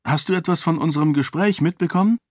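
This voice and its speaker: A man reading an audiobook, voicing a determined young noblewoman who talks in a brisk, insistent way. The recording is dry. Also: a little high, darkish tone, no echo, voice pushed up, natural voice. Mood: earnest. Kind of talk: audiobook character voice.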